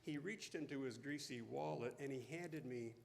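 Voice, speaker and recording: A man in his fifties telling a personal story in a sermon, slow and deliberate, growing hushed at tender moments. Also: medium pitch, gravelly. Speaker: pastor. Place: church sanctuary. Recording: echoey church hall.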